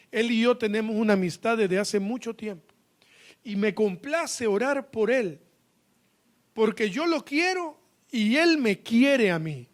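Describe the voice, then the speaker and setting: A male preacher giving a live sermon, asking the congregation questions and swinging from soft asides to loud, stressed scripture reading. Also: high voice.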